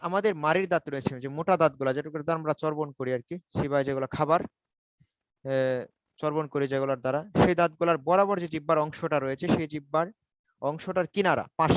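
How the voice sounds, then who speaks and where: A man teaching Quran pronunciation in a tajweed lesson. He explains patiently and repeats syllables slowly again and again for students to copy. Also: a little high, no echo, poor audio.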